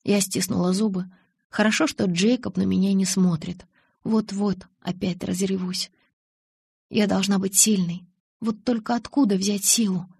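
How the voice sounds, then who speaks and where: A woman narrating a first-person audiobook in a breathy, intimate, emotional manner. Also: medium pitch, fairly even intonation, a little slow, a little mellow, no room sound.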